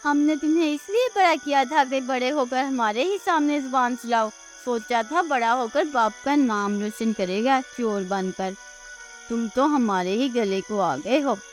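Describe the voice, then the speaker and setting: A greedy, shrill thief's wife from a cartoon bird story, voiced by a woman. Her voice is high, and she talks with a wailing edge. Soft music plays behind her. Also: a little slow, lightly acted. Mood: scolding.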